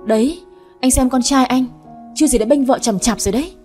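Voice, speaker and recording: A woman's voice: high voice, fairly quick, warm tone, faint music behind, voice pushed up, close to an everyday voice. A woman voicing an irritable middle-aged mother who complains in exasperation. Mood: exasperated.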